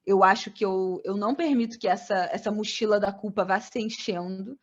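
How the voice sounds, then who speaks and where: A woman guest at a middle pitch talks emphatically, leaning on repeated words to drive her point home. The sound is dull and lo-fi. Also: a little fast. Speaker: podcast guest, journalist. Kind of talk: casual podcast chat.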